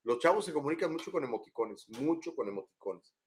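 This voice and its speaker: A man's voice: on the high side, lively intonation, quick pace, husky. An older man with a Mexican accent hosting a live show from his home, chatting in a rambling way and tagging questions onto his sentences. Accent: Mexican Spanish. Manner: rambling, chatty, keeps adding tag questions. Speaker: host. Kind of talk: casual live-show chat.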